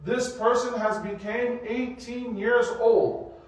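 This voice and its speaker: A man in his forties giving an animated sermon-style lecture in a mosque, full of rhetorical questions. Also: very high-pitched, slow. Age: 40s. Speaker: mosque teacher giving a weekly study circle. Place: mosque prayer hall. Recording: very echoey hall, voice from far off.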